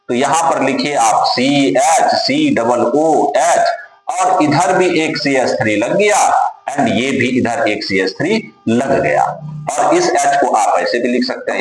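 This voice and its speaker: A man teaching chemistry in a slightly high voice, spelling out names and asking and answering his own questions. He calls the students dear children. The sound is very echoey, with clear music playing underneath. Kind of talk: classroom lecture. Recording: very echoey room with music behind.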